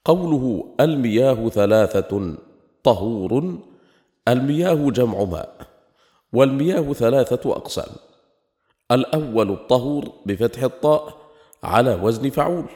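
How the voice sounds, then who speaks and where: A man reads a scholarly text aloud at an ordinary mid pitch, measured and explanatory, sometimes slipping into a light sing-song. His voice rings out with a long reverb tail. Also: expressive, warm tone. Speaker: reader. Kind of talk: scripted reading of a scholarly text.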